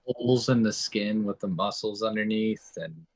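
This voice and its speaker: A man's voice: lowish voice, normal speed, no echo, poor audio. A man gushing enthusiastically while chatting casually about comics. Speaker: podcast co-host.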